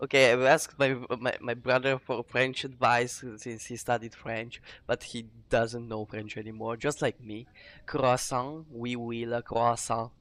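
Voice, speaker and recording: A man's voice: medium pitch, little pitch movement, normal speed, hardly any pauses, fairly bright tone, dry recording. A young man casually commenting as a gaming streamer, rambling and joking around with put-on accents. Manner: goofy, rambling, jokes with mock accents. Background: game music.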